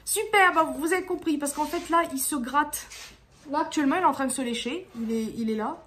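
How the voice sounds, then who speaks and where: High-voiced exasperated woman vlogger. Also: a little fast, fairly bright tone, slight background noise. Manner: exasperated, rambling, with frequent restarts. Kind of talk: casual venting vlog.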